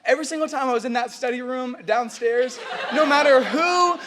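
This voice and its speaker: A man's voice: very high voice, a little fast, crowd noise, background noise. A young man giving a heartfelt speech to his team, choked up and rambling. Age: young adult. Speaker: college cheerleader giving a speech.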